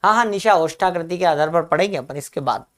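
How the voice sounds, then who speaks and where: A male teacher leads a live online grammar lesson. He breaks off to reassure students who write in the chat. He then dictates definitions slowly and repeats them phrase by phrase. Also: a little high, fairly bright tone. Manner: answers chat comments, reassuring.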